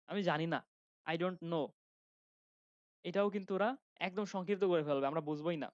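A man's voice: sits high, no echo. A young man from Bangladesh with a Khulna Bangla accent, giving a casual grammar lecture and often asking his students questions. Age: young adult. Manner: chatty, asks students questions, restarts sentences. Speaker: grammar instructor. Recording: dry, dull lo-fi sound.

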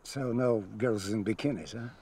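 A Hungarian actor in his sixties plays a weary, wry, sardonic older news cameraman in a film drama, delivering dramatic dialogue outdoors in an open field. His fairly low voice has a dark tone but stays close to an everyday voice, at normal speed. The open-air film recording is noisy.

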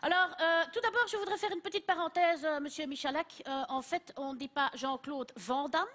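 On a TV studio stage, a woman plays a chatty, self-assured Belgian cleaning lady with a Belgian accent, rambling confidently wrong in a stand-up sketch. Her voice is high-pitched, brisk and fairly bright, with a little hiss or hum.

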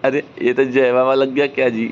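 A man's voice: medium pitch, flat delivery, normal speed. A man, chatting with a small child in a home video and coaxing them with simple repeated questions. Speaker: family member talking with a toddler. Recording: muffled home video with background noise.

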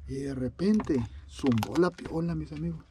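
Excited fishing vlogger. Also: male voice, on the high side, a little slow, slight background noise. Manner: animated, shouts when a fish bites. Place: outdoors on a boat in an estuary.

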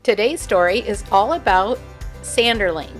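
Woman narrating calmly over faint music. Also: mid-range voice, normal speed. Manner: calm, informative and gently enthusiastic. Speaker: nature vlog narrator. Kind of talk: scripted narration. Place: voice-over, not recorded on the beach.

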